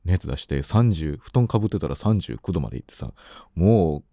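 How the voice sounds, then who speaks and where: A man's voice: deep voice, animated, brisk, warm tone, dry recording, studio quality. A man hosting a radio corner, chatting in an easygoing storytelling way. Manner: easygoing storyteller, acts out quoted phone talk. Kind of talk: casual radio chat.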